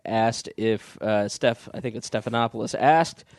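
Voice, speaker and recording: On a casual podcast, a young male co-host with a lowish voice jokes in a relaxed way and occasionally reads out news stories. He's recovering from a cold, so his voice is a bit phlegmy. He talks at a moderate pace, captured in clean studio sound with no echo.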